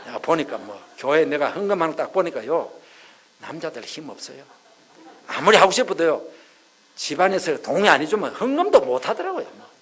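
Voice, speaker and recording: A man's voice: a little high, sing-song, fairly quick, fairly bright tone, husky, low-quality recording. A male pastor delivering a revival sermon, telling stories and asking the congregation rhetorical questions. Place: church sanctuary.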